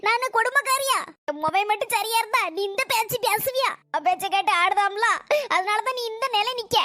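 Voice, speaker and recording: Someone playing a shrill grumbling mother-in-law. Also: a little fast, pushed and bright, dry recording, studio quality. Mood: quarrelsome. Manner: nagging, sarcastic complaints. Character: elderly grumbling mother-in-law, quarrelsome and self-pitying.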